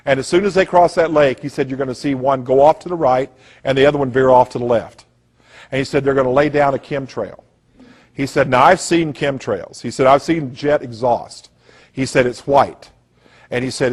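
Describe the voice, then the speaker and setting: A man giving an emphatic lecture, repeating himself for effect and acting out the voices in his anecdotes. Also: mid-range voice. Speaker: speaker giving a talk. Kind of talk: conspiracy lecture.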